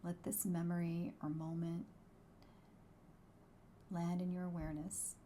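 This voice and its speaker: Soft, hushed woman guiding a meditation, mellow. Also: on the low side, level tone, a little hiss or hum. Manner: soft, hushed, breathy delivery, soothing and unhurried, at times near whisper. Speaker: host, wellbeing coach and meditation guide. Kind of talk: guided meditation.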